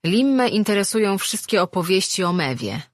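A man's voice: high voice, sing-song, normal speed, no room sound, clean studio sound, voice pushed up. A narrator voicing a sociable male tavern regular who talks eagerly in a storybook. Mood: jovial.

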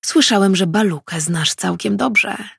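Ruthless male enforcer as a woman reads him, snapping and accusing, husky, gravelly. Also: mid-range voice, measured pace, a bit bright, no room sound, studio quality, heavily acted. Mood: harsh.

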